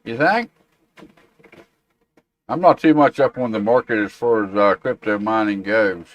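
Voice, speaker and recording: A man's voice: on the low side, measured pace, highs cut off. A man hosting a tech show, chatting casually and informally and reacting to viewer comments. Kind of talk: casual livestream chat.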